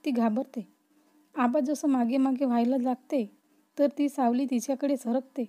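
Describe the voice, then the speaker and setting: Storyteller, woman, high-pitched, steady even narration. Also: moderate pace.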